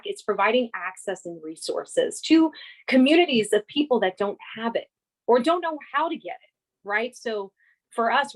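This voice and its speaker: A woman's voice: mid-range voice, low-quality recording. Enthusiastic woman podcast guest. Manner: enthusiastic, repeats words and restarts often. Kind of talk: conversational interview.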